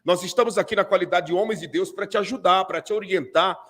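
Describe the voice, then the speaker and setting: Speaking fast in a high-sitting voice, a Brazilian Portuguese-accented man reacts as a pastor to video clips on a live stream, animated and leaning on repeated fillers.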